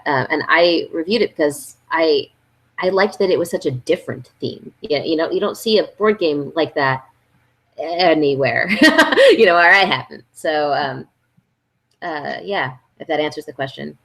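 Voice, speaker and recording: Female guest in her thirties, lower register, chatty and filler-heavy. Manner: chatty, many fillers, laughs easily. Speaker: guest, board game channel host. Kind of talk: casual live-stream interview.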